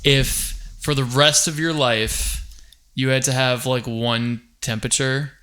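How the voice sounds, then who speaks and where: A man's voice: mid-range voice, steady tone, measured pace, bright, forceful tone. A man from Massachusetts co-hosting a casual podcast, rambling and profane as he asks questions and tells stories. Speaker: podcast co-host. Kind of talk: casual chat.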